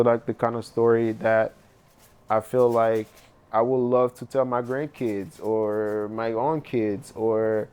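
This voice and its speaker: This young Haitian painter, a native Haitian Creole speaker with a Haitian accent, has a mid-range, darkish voice. He muses in a documentary interview with loose wording and frequent fillers.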